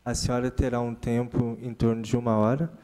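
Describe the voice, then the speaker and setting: Man chairing a council committee, monotone, dark mellow tone, formal and measured. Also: mid-range voice. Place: council chamber.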